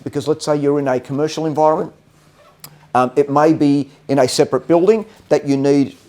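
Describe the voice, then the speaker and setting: A man presents technical product training haltingly, often stopping to check that listeners are following. His voice is a little high with a dark tone.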